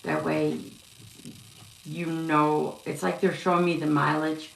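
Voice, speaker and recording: Gravelly-voiced woman doing live psychic readings. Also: deep voice, little pitch movement. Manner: halting, filler-heavy, yawning. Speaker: psychic reader on live stream. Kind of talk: casual live-stream reading. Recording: echoey room with faint noise.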